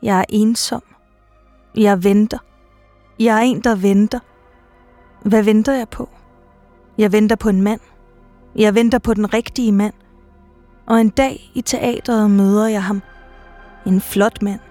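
Woman playing a lonely, ambitious stage actress; slow, deliberate monologue delivery, dry mic. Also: mid-range voice, steady tone, warm tone, no echo, faint music behind, close to an everyday voice. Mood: brooding. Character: proud lonely woman actress and writer, restless. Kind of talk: theatre monologue.

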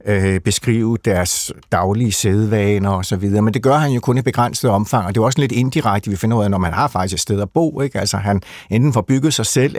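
A man's voice: fairly low pitch, darkish tone, dry recording, clean studio sound. A man explaining a literary subject in a conversation, thoughtful and hesitant, with many fillers and restarts. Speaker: literature expert guest.

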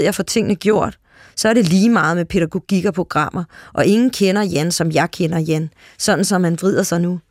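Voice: medium pitch, dry recording. Dry, close short-story reader. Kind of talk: calm literary read-aloud.

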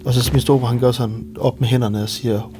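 A Danish man giving documentary testimony in a measured, detailed way. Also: medium pitch, fairly even intonation, music in the background. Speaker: interviewee recounting family events.

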